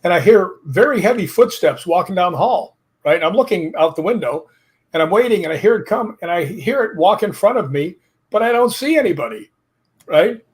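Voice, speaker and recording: A man's voice: sits high, fairly quick, husky. A man chatting as a guest, telling stories at length and acting out what others said. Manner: storytelling, quotes others in lively asides. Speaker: podcast guest. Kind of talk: casual chat.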